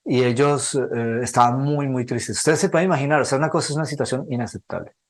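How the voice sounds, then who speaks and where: A man with a mid-range voice teaches a theology seminar, telling a story in an earnest, emotional, sermon-like way. He slows down for emphasis.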